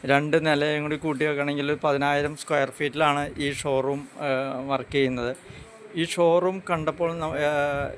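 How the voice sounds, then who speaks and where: A man from Kerala hosting a casual promotional interview in a large showroom, asking leading questions and urging his guests to speak louder. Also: a little high, a little hiss or hum. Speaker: interviewer at a store visit.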